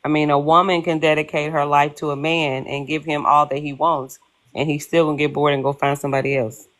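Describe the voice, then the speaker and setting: A woman guest on a video call group chat who starts haltingly, then explains her view steadily. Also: low voice, little pitch movement, a bit bright. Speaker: guest caller.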